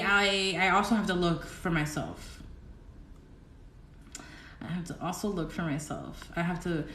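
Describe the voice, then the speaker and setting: A young woman giving a casual livestream tarot reading, chatty and excitable, rambling with giggles. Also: lowish voice, reverberant. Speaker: tarot reader.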